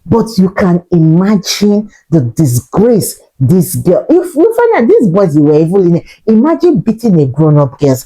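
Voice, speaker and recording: A woman's voice: fairly low pitch, huge pitch swings, unhurried, hardly any pauses, warm tone, low-quality recording. A woman giving earnest, lecturing commentary to camera, repeating points for emphasis. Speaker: parenting commentator.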